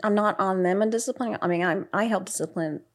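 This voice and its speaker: A middle-aged woman, a school paraprofessional, talking casually in an interview, chatty and quick to laugh, with many fillers. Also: mid-range voice. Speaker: paraprofessional guest.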